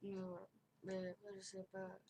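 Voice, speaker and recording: A woman's voice: mid-range voice, monotone, moderate pace. A woman hosting a casual game tour, hesitant and rambling, speaking with a barely opened mouth and slurred S sounds because of dental elastics. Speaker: host of a gaming video channel. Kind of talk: casual chat commentary touring a game. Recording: noisy home recording with clicking.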